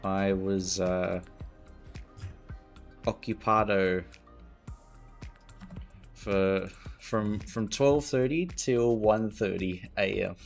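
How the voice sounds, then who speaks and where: A man's voice: low voice, steady tone, slow, vocal fry, a little mellow, faint music behind. A male streamer chatting casually while he plays, laid-back and self-mocking. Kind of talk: casual chat while playing a game.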